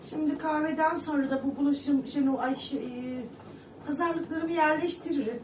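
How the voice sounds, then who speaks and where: A chatty, middle-aged woman talks to her viewers from her kitchen. Her voice sits high and rambles along with plenty of fillers. The recording is echoey and distant, with steady background noise. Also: normal speed. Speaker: vlogger. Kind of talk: casual chat to viewers. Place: home kitchen.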